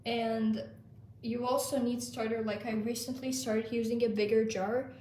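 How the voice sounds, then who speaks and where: A young Turkish-speaking vlogger chats casually in her home kitchen while baking, narrating with many fillers. Her fairly high, mellow voice has a flat delivery at normal speed, and the distant mic picks up reverb and a little hiss or hum.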